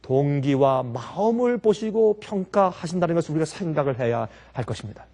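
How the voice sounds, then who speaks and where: Pastor, male, preaching; quick delivery, lots of rhetorical questions and little acted scenes. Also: fairly high pitch. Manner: lively, acts out everyday scenes and quotes. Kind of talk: sermon.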